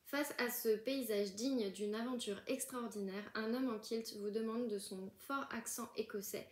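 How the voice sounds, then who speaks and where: Chatty young woman, slightly high voice. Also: a little slow. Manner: chatty, many fillers and restarts, gushing. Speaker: book vlogger. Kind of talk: casual unboxing chat.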